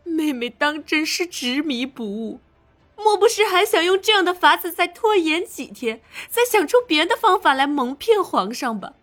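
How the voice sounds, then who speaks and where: A woman's voice: high-pitched, big pitch swings, normal speed, a bit bright, soft background music. An actress voicing a scheming elder sister who feigns sorrow and reproaches her younger sister. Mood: reproachful. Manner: cold, reproachful, feigned pity.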